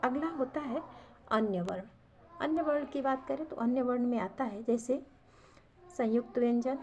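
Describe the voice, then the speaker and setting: A woman teacher with a somewhat high voice gives an exam-prep grammar lesson. She poses each question and answers it herself, repeating the key terms for emphasis. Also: a little mellow, a little hiss or hum.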